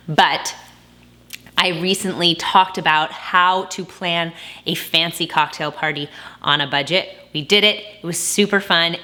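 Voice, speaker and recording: A woman in her thirties talks casually to her viewers in an upbeat, chatty way, slightly out of breath. Her voice sits low but sounds bright and forward, and she keeps the tone easy and friendly. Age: 30s. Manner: chatty, upbeat, frequent laughs. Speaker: vlogger. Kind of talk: casual chat to camera.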